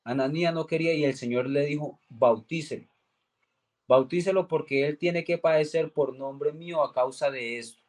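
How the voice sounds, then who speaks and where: A man's voice: normal speed, a little mellow. Earnest young man telling his story. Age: young adult. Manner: earnest storytelling, acts out quoted dialogue with raised pitch. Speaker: guest giving a religious testimony. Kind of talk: personal faith testimony.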